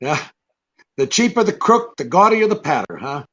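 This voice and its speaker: Sam Spade, lively, sardonic detective. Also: male voice, fairly high pitch, normal speed. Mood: mocking. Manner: brusque, sardonic. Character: cynical, wisecracking hard-boiled private detective. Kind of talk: radio drama acting. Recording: dull, muffled radio recording.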